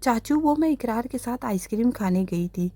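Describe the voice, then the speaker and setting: A woman's voice: fairly high pitch, expressive, normal speed, warm tone, dry recording. A woman voicing an innocent, cheerful young woman.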